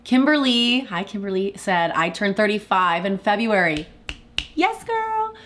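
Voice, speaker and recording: A woman's voice: mid-range voice, big pitch swings, a bit bright. A young woman hosting a casual live stream, talking in a chatty, confessional way with lots of "like" and reading viewer comments aloud. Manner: chatty, confessional, with frequent "like" and quick laughs.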